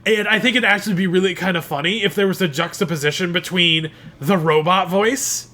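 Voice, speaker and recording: A man's voice: high-pitched, fairly quick, sharp tone, slight background noise. A man co-hosting a casual gaming podcast, thinking aloud with lots of fillers and frequent laughter. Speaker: podcast co-host.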